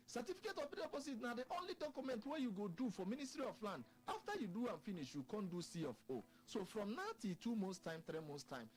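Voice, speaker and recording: A woman with a Nigerian Pidgin accent giving a persuasive, emphatic radio sales pitch, repeating herself to press the point. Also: a little mellow. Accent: Nigerian Pidgin, Port Harcourt area. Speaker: estate sales presenter.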